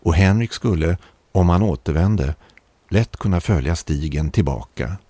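Male narrator for an eerie tale, very low, dark voice, measured and calm, dry close sound. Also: breathy edge, dry recording. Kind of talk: scripted narration of an eerie story.

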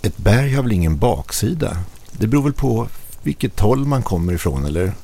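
A man's voice: lowish voice, big pitch swings, vocal fry, dark tone, pitched above the performer's own voice, exaggerated voice. A man voicing a sarcastic young prankster who mocks the ghost stories in an audiobook. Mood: skeptical. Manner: sarcastic, mock-serious. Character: joking young man, mock-spooky prankster.

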